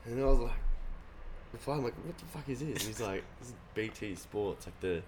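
Animated and fairly quick, this young Australian musician speaks at medium pitch over a noisy background. He's a podcast guest, rambling casually and laid-back, full of curse words and filler.

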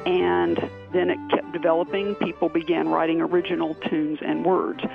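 Male interviewee, highish creaky voice, explanatory, slightly dull recording with faint music. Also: little pitch movement, moderate pace. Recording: band-limited radio sound, faint music behind.

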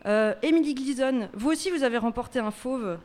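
A woman co-hosting a podcast before a live audience, introducing guests with playful, deadpan teasing. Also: on the high side, fairly quick. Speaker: podcast co-host.

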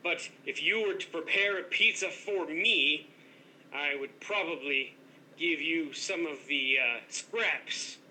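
Man doing a grandiose ghost innkeeper, bright and a bit high, talks down to mortals. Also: takes it slowly, a little hiss or hum, heavily acted, poor audio. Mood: haughty. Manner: haughty, grandiose, condescending. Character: pompous headless male ghost hotel master. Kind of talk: improv comedy scene.

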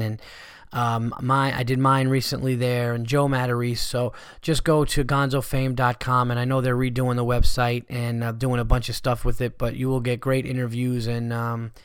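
A man's voice: mid-range voice, clear, resonant tone, no echo, studio quality. A man who sounds stuffy-nosed from allergies, a comedian hosting a podcast with a casual, rambling, conversational monologue and some swearing.

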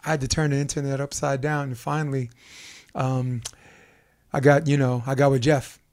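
A man with a Brooklyn accent hosting a casual podcast chat, talking in an animated way and repeating words for emphasis. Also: medium pitch, moderate pace. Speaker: podcast host.

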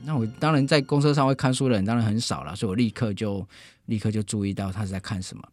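A man, a guest writer chatting in a relaxed storytelling way, often tagging sentences with a soft "ha". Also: lowish voice, quick pace, no echo, soft background music. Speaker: guest writer and magazine editor.

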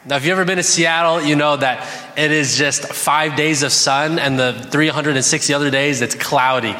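A young man preaching as a pastor, energetic and calling out to the congregation. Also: a little high, normal speed. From United States. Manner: energetic, calls out to the crowd. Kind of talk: sermon. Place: church hall. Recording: echoey hall with music.

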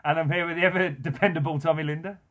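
Man, podcast host, casual, jokey, laughs a lot, slightly high voice. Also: fairly even intonation, very fast. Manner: jokey, laughs often between lines. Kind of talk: casual chat among friends.

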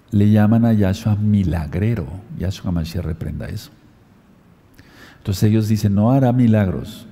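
A man preaching a sermon, dictating letters and verse numbers slowly and urging listeners to underline passages. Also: on the low side, warm tone, big-room sound.

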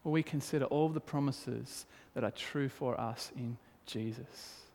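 A man's voice: medium pitch, unhurried, vocal fry, darkish tone. A man preaching a sermon as pastor, reading scripture aloud and then pressing his points with rising emphasis. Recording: long hall reverb.

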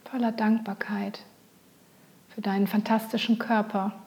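Female meditation guide, gentle spa-like soft whisper, dark mellow timbre, very leisurely pacing. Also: medium pitch, flat delivery. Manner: soft, breathy near-whisper; gentle, soothing, unhurried.

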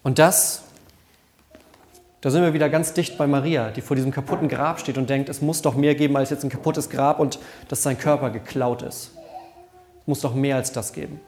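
A man's voice: mid-range voice, fairly even intonation, normal speed, a little mellow, a little hiss or hum. A pastor preaching a sermon at a church service, earnest and conversational, often repeating his phrases.

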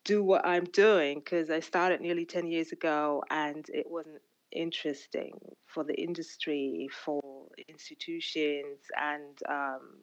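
A woman from Uganda answering interview questions in a casual, thoughtful way, with frequent ums and pauses over a remote call. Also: sits low, fairly even intonation, dry recording, dull audio. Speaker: podcast guest, fashion platform founder.

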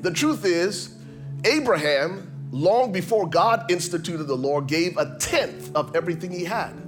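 A man's voice: sits high, lively intonation, measured pace, over music. Emphatic male pastor. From Liberia. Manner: emphatic, repeats phrases, builds in rhythmic pairs. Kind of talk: sermon.

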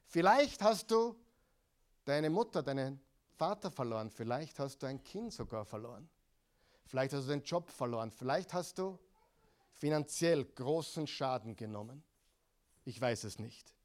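A middle-aged man preaching a sermon, swinging between loud dramatic passages and quiet intimate ones, asking his listeners direct questions. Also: medium pitch, expressive, moderate pace. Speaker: pastor.

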